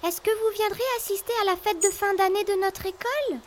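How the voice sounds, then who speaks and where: A woman voicing an excitable young boy, the eldest of seven brothers, in an exclamatory childlike voice. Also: very high voice, brisk. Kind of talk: storybook voice acting.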